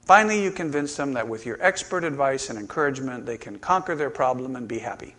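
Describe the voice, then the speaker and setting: A man preaching a sermon in a conversational way, animated and acting out quoted lines, who works as a counselor. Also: medium pitch, fast.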